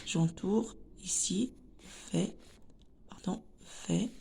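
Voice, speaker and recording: A woman with a Moroccan accent leads a children's reading lesson, breaking words into syllables one at a time. She speaks slowly and patiently. Her voice is dark and mellow. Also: on the low side, vocal fry. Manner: slow, patient, spells out letters and syllables. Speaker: teacher.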